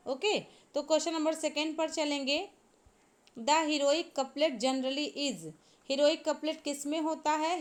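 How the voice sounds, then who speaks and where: A woman with a high voice teaches an exam-prep lecture, walking through each point step by step. She repeats key terms and asks the class to answer.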